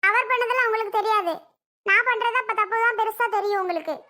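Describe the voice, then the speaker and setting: A performer with a very high, bright voice plays a sulky, defiant young daughter-in-law in a family comedy skit, complaining indignantly. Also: fast.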